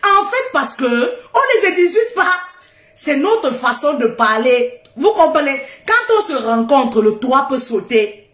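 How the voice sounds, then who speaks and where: A woman giving a casual motivational talk, loud and laughing often, repeating phrases for emphasis. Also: sits high, roomy sound.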